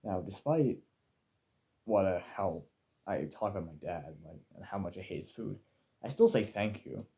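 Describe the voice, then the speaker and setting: A man's voice: low voice, lively intonation, normal speed, creaky, warm tone. A man ranting in a rambling, sardonic way about his father's cooking. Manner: sardonic, exaggerated complaining. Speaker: vlogger. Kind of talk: rambling solo rant.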